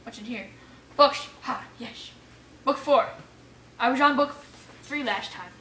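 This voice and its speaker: A woman with a bright, high voice does casual let's play commentary while playing an adventure map for viewers, excitedly exclaiming and muttering to herself at a measured pace. The mic is distant, with a roomy echo and faint noise.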